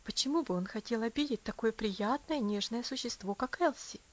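A woman's voice: on the high side, brisk, lightly acted. A woman voicing a tender, concerned mother in an audiobook story. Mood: alarmed. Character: gentle worried mother. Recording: dull lo-fi audio.

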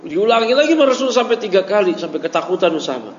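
An ustadz teaches a classical text in a study lecture, reading Arabic passages and explaining them casually while acting out quoted dialogue. His voice sits high, swings widely in pitch, and comes out rapid-fire. The audio is dull and lo-fi, recorded in an echoey hall with faint hiss.

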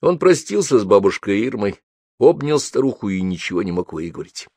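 A man narrating a literary story aloud in an expressive reading voice. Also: on the low side, a little fast, dry recording, studio quality. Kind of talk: audiobook narration.

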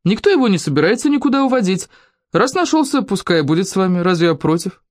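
A reader voicing a big, good-natured male police officer with a booming bass voice in a storybook reading. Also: big pitch swings, fairly quick, darkish tone, no room sound, studio quality. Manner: gruff, then chuckling and easygoing.

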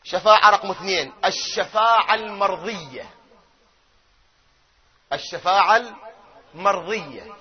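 A man giving a religious lecture, who swings from loud chanting of verses to quiet asides and keeps asking his audience questions. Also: sits high, unhurried, long pauses, lo-fi sound. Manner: asks his audience questions and answers them himself. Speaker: cleric lecturing on doctrine.

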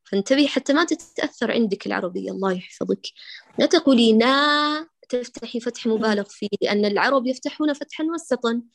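A woman teaching Quran recitation in an online class, correcting a student and demonstrating sounds slowly. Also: on the high side, vocal fry, no echo.

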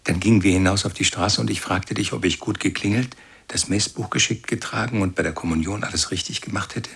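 A grown son looking back on a harsh, pious childhood in a literary radio drama. His voice is low and gravelly with a husky, rough edge, and his recollection is slow and brooding. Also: fairly even intonation, a bit bright, exaggerated voice. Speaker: first-person narrator. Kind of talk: literary radio play narration.

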